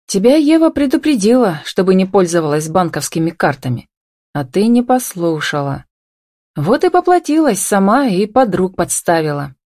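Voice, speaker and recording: A woman's voice: mid-range voice, sing-song, moderate pace, a little mellow, dry recording, clean studio sound. A woman reading the part of a stern inner conscience, in a reproachful tone.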